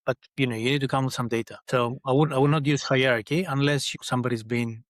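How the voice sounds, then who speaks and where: A man's voice: mid-range voice, fairly even intonation, fast talker, no room sound. A middle-aged man from Greece, a guest in a podcast interview, speaking in a thoughtful way with many restarts. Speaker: guest, engineering leader. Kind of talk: conversational interview.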